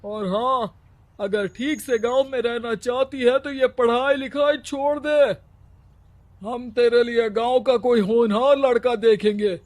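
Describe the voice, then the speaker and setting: A man's voice: very high-pitched, steady tone, unhurried, a little mellow. A man playing a harsh village headman. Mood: stern. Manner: harsh, commanding. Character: stern domineering village headman.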